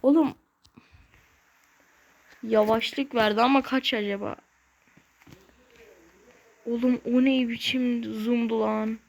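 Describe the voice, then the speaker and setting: Woman, let's-play host, talks to herself in short bursts, slangy outbursts, higher pitch, slow pace. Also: gravelly. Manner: excitable, blurts slangy exclamations and mild curses; talks to self while playing, short bursts. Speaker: gaming channel host. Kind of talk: casual let's-play commentary.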